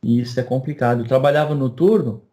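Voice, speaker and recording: A man's voice: mid-range voice, fast, warm tone. An older man from Brazil, telling a long story in a class. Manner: anecdotal, chatty, acts out dialogue. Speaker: teacher.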